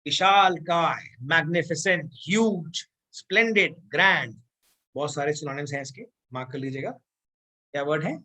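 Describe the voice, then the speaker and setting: Slow, deliberate Indian woman teacher. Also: deep voice, bright, forceful tone, low-quality recording. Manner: repeats key words and quizzes the students. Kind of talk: vocabulary lesson mixing Hindi and English.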